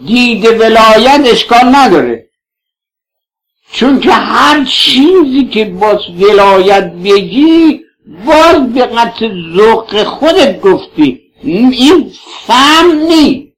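A man preaches a religious sermon in a fervent, declaiming manner. His voice sits notably high. He piles up rhetorical questions, swinging between loud appeals and quiet passages. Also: rough recording.

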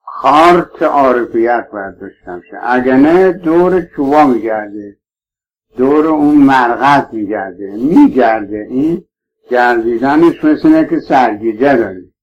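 A man's voice: medium pitch, dull audio. A man preaching a sermon to his listeners, emphatic and pleading, swearing oaths to stress his points.

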